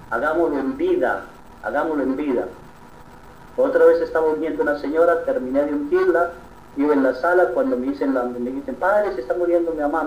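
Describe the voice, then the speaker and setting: A priest preaches with earnest conviction, pausing often to check in with his listeners. His fairly high voice is picked up from a distance in a reverberant space. The recording sounds slightly dull, with faint noise behind it. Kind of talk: sermon.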